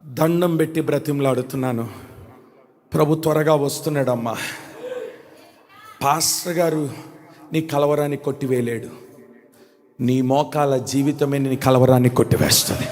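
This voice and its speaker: A man preaching a Pentecostal sermon to a church congregation, repeating phrases and calling for responses, swinging between shouts and quiet, low passages. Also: fairly even intonation, moderate pace, long pauses, long reverb tail. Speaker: pastor. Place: church service.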